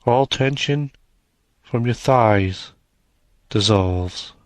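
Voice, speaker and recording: A man narrating a guided meditation in a soothing, measured manner, leaving long pauses between short phrases. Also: mid-range voice, dry recording, studio quality.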